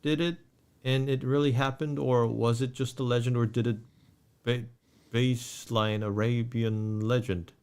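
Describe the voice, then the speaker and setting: A man's voice: medium pitch, flat delivery, a little mellow, smooth. Man co-hosting a casual movie chat. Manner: reads viewer comments aloud, halting, many restarts. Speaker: podcast co-host.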